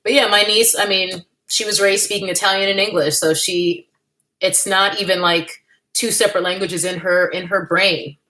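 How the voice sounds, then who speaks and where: The recording is rough, capturing a medium-pitched, steady female voice that sounds pushed and bright at a normal speed. She's a young adult host on a casual home livestream, reading chat, speaking candidly, laughing a lot and adding playful asides.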